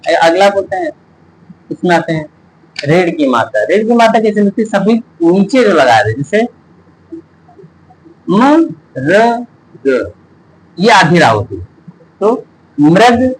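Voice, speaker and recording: A man teaching pronunciation, repeating words slowly syllable by syllable. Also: high voice, very animated, low-quality recording. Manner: drawn-out repetition of words, syllable by syllable. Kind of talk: slow Hindi phonics lesson.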